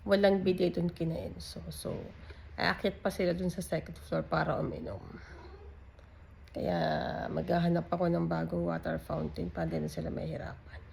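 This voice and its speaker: A woman vlogging casually at home, talking in a hushed, often half-whispered voice and laughing often. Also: lowish voice, flat delivery, moderate pace, vocal fry, slight background noise. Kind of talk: casual vlog chat.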